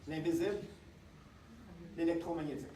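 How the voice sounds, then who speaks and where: A man with a Quebec French accent giving a lively seminar talk and checking in with the audience again and again. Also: fairly high pitch, moderate pace. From Canada. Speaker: health speaker. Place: lecture room with audience. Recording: echoey room, distant mic, faint ambience.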